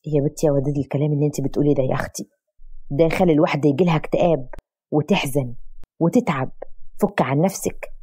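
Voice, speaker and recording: A kindly, pious older mother with an Egyptian accent, soothing and full of advice, as a woman storyteller puts her on. Her voice is dark and slightly husky, and she speaks quickly. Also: low-pitched. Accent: Egyptian Arabic. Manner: gentle, soothing, gives advice.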